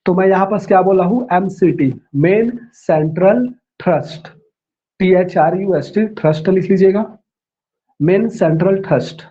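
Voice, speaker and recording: High-voiced man teaching, dull lo-fi sound. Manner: repeats terms slowly, spells them out; checks in with "है ना" and "ठीक है". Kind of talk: classroom lecture.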